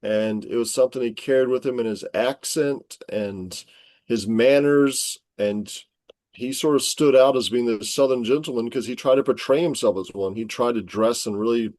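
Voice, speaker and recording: A man's voice: mid-range voice, moderate pace, darkish tone, no room sound. Man telling history, dry close sound. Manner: storytelling, explanatory. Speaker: guest scholar. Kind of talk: podcast interview.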